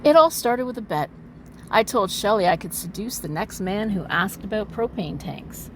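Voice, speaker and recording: A woman's voice: medium pitch, expressive, moderate pace, background noise, close to an everyday voice. A woman performing a sardonic noir romance heroine in a hammy, theatrical stage-actor manner for a melodramatic dramatic reading.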